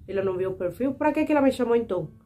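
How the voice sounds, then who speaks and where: A woman's voice: on the high side, rapid-fire, a little hiss or hum. Chatty Cuban woman in her twenties. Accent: Cuban Spanish. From Cuba. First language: Spanish. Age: 20s. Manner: chatty, animated, frequent fillers and asides to viewers. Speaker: vlogger. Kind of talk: casual storytelling to camera.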